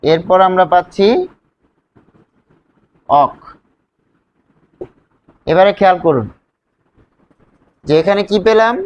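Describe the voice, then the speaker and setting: A man's voice: high-pitched, animated, slow pace, long pauses, highs cut off. A man teaching a grammar lesson, explaining step by step and asking his students questions as he goes. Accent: Bangladeshi Bengali.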